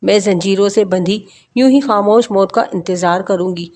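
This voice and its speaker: A woman's voice: medium pitch, darkish tone, lightly acted. A woman narrator voicing a young woman locked in a room, who pleads in a childlike way. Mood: pleading.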